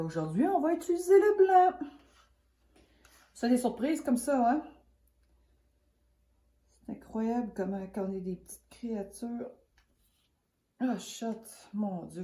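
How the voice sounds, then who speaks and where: A woman's voice: mid-range voice, animated, measured pace, pauses often, dark tone, reverberant. A woman with a Quebec French accent and a cold, giving a casual painting tutorial in a chatty, rambling, hesitant way, thinking aloud. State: has a cold. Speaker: craft tutorial host.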